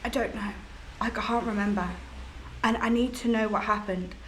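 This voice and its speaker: A woman's voice: fairly high pitch, fairly even intonation, moderate pace, close to an everyday voice. An actress playing a young woman's ghost, upset and frustrated at being murdered, in a film. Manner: upset, shouting then apologetic. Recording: echoey room with faint noise.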